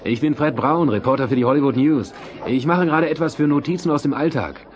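A man playing a brisk, polite and inquisitive newspaper reporter in an audio drama. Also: on the high side, heavy background noise, natural voice. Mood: brisk, friendly. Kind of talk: German audio drama acting.

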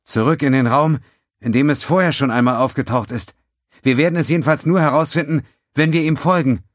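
A man voicing a calm, analytical male lieutenant who reports and explains. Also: on the high side, brisk, dry recording, clean studio sound, pitched above the performer's own voice, lightly acted. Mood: determined.

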